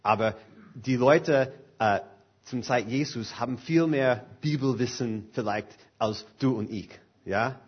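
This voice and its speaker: A man preaching a sermon and reading Scripture in German that is not his first language, halting, with frequent filler sounds. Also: mid-range voice, breathy edge, highs cut off. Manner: halting, with many filler sounds and non-native German grammar.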